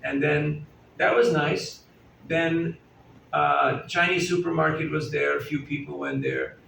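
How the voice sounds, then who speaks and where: Speaking a little slowly and with animation, a spiritual teacher with a slightly high, creaky, fairly bright voice gives a chatty sermon. He jokes and questions his live audience in a festival's indoor hall, where a distant mic records echo and faint room noise.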